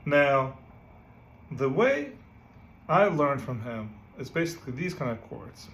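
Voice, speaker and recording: Speaking slowly in a sing-song, medium-pitched voice, a Ukrainian man teaches guitar in a relaxed way, playing along. He keeps dropping "right?" among his fillers.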